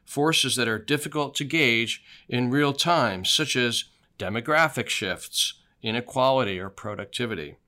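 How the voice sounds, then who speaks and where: Bright-voiced man hosting a podcast. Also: medium pitch. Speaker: podcast host. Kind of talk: scripted podcast narration.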